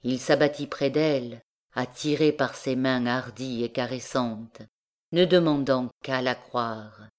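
A woman narrating a classic novel as an audiobook, reading in a slow, measured way. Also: very deep voice. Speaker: audiobook reader.

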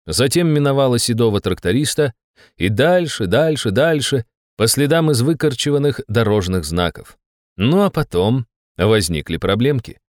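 A man narrating an audiobook in a lively, wry manner. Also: mid-range voice, no room sound, studio quality.

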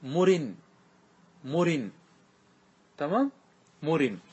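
A man's voice: on the high side, big pitch swings, slow pace, mellow, slightly rough. A man teaching a grammar lesson, asking questions and often checking that his students follow.

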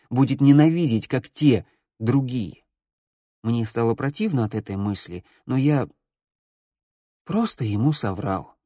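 Male audiobook narrator, mid-pitched, expressive dramatic first-person read, very dry close sound. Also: no room sound.

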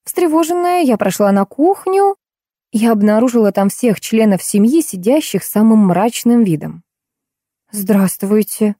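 A woman narrating a comic detective audiobook in the first person, with a lively, expressive delivery. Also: medium pitch, no room sound, studio quality.

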